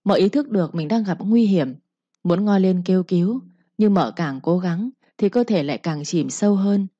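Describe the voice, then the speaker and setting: Low, husky woman narrator. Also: lively intonation, moderate pace, dark tone, no echo. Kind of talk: scripted storybook narration. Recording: dull, lo-fi, dry.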